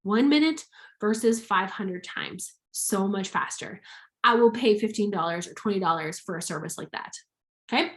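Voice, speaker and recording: A woman's voice: medium pitch, moderate pace. A woman giving a casual motivational business talk to camera, emphatic, often checking in with "okay?" and acting out sample messages. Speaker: network marketing coach.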